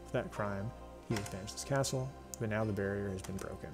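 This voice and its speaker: A man's voice: lowish voice, fast talker, close to an everyday voice. A man reading game lines as a boastful young male sword hero, grandiose and demanding, with faint music behind. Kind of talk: reading game dialogue aloud.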